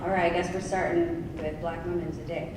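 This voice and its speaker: A woman's voice: fairly low pitch, level tone, fairly quick. A woman in her thirties from Oregon, introducing herself as a panelist at a conference in a candid, conversational way with asides. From Oregon, United States. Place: large conference hall. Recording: echoey hall, from far off, with noise.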